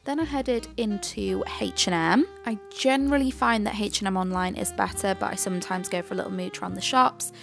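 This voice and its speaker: A woman's voice: mid-range voice, fairly quick, vocal fry, few pauses, soft background music. A young woman vlogging in a chatty, gushing way, talking in her car and then over shopping clips. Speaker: lifestyle vlogger. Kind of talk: casual vlog chat and shopping voiceover.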